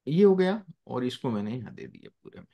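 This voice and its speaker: Lively-voiced male teacher checking on students. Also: mid-range voice, brisk, vocal fry, dull audio. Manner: keeps checking that students follow; mixes English phrases into his explanations. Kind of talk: live classroom lesson.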